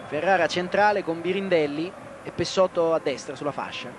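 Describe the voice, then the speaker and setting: A man's voice: on the high side, brisk. A man giving live football play-by-play in short, clipped phrases, naming players as they touch the ball. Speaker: football commentator. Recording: loud outdoor stadium noise, old broadcast. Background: outdoor stadium ambience.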